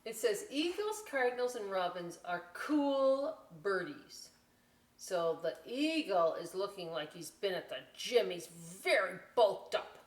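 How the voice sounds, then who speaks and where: Reading a picture book aloud for a children's story time, an American woman speaks in a mid-range, very animated, unhurried voice, chatting through folksy explanatory asides. It's captured with a distant microphone in an echoey room.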